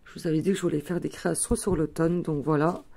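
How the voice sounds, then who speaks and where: This craft tutorial host is a woman with a deep, warm, creaky voice who talks fast with fairly even intonation. She chats away casually while showing and handling her materials, leaning on many small fillers such as "euh" and "voilà."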